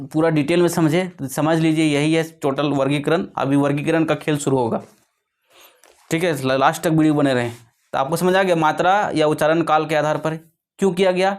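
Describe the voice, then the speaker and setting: A man's voice: a little high, fairly even intonation. A man with a slightly raised voice teaches a lesson. He goes over each point again and again, stops to correct himself, and asks questions he then answers. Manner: explains slowly with many repetitions and self-corrections.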